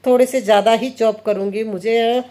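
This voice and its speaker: A warm, slightly high female voice with fairly even intonation, speaking at a moderate pace. She's an Indian woman in her thirties, a mother and home vlogger, chatting casually about her family and kitchen routine as she works. She laughs often and quotes family conversations.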